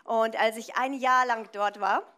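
A woman's voice: a little high, steady tone, a little slow, a bit bright. A woman interpreting a preacher live, phrase by phrase, in a consecutive style.

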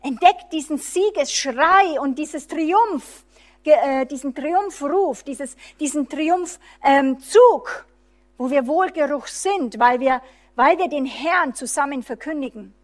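A high-pitched woman delivers a fervent charismatic sermon. She preaches freely, restarting sentences, and drops from loud emphasis to a near whisper. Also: lively intonation, slow pace. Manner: fervent, swings between loud emphasis and hushed low lines; frequent restarts and fillers while preaching freely.

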